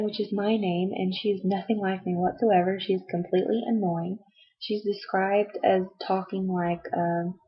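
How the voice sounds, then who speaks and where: A woman's voice: mid-range voice, slightly rough. A young woman chatting casually about a book she is reading, rambling with lots of "um" and "like" and laughing at herself. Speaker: book vlogger. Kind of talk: casual book review chat. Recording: dull lo-fi home video.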